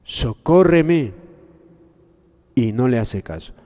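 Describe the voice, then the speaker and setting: A man delivers a slow, reflective Gospel commentary in a sermon style. His voice is dark and mellow, and it sits in a room with a long, ringing reverb. He pauses often and turns to speak straight to his listeners. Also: medium pitch. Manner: addresses listeners directly.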